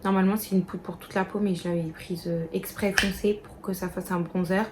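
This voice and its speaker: A woman's voice: mid-range voice, steady tone, fairly quick, background noise. A young woman walking viewers through a casual makeup tutorial, chatty and talking straight to them. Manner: chatty, addresses viewers directly. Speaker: beauty vlogger.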